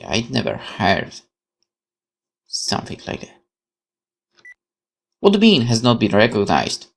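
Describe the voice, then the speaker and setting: A man with a high voice and vocal fry plays a game for viewers as a let's player. He reads the visual novel narration with a dramatic storyteller's delivery and adds musing commentary.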